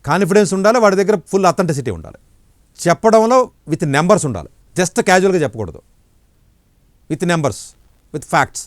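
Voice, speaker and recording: A middle-aged man, an education counselor, giving blunt, forceful answers in an interview. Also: high voice, sing-song, moderate pace, long pauses, no room sound, studio quality.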